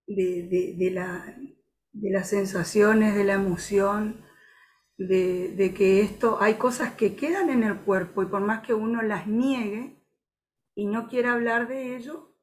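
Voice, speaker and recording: Slow, halting woman on a video call. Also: medium pitch. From Paraguay border region. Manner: slow, reflective, halting with many restarts. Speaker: audience member. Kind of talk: personal testimony on a video call.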